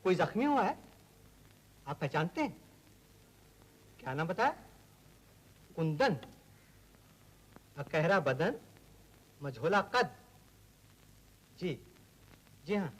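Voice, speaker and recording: A questioning police officer. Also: male voice, a little high, big pitch swings, a bit bright, breathy edge, exaggerated voice, low-quality recording. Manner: brisk, questioning on the phone. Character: police officer taking a phone report. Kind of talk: 1950s film acting.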